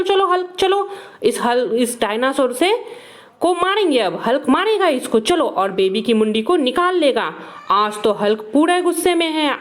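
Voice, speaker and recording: A woman narrating toy play for children in an excited, exclaiming way, cheering the toys on. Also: high voice.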